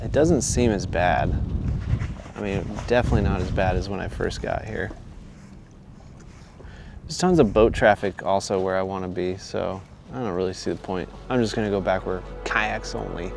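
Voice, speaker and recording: A man's voice: low-pitched, normal speed, creaky. A man hosting a fishing vlog, chatting informally to viewers outdoors from a kayak on windy open water. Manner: informal, addresses viewers as guys. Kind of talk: casual talk to camera from a kayak.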